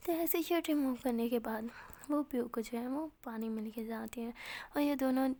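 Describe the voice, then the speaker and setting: An Indian woman tells a love story as whispered role-play, drifting between narration and the lovers' lines. Her voice sits fairly high and stays soft and breathy throughout. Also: moderate pace.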